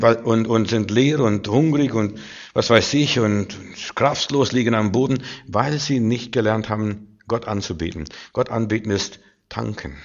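Male preacher, impassioned sermon delivery with hushed asides and loud peaks, low-pitched, muffled lo-fi sound.

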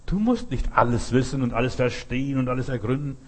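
Husky German-speaking preacher, earnest and direct. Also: male voice, medium pitch, animated, quick pace. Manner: earnest, direct address to listener; short emphatic repeated phrases. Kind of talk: sermon.

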